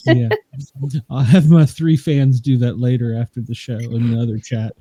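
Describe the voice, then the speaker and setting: A man's voice: medium pitch, flat delivery, measured pace, mellow, no echo. A man in his fifties hosting a podcast interview in a casual, joking and self-deprecating way, laughing often. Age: 50s. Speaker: podcast host.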